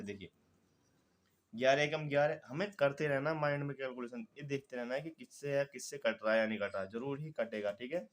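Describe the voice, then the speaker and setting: Patient Hindi-accented man teaching math. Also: medium pitch. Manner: patient, talks through calculations aloud. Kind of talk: step-by-step math lesson.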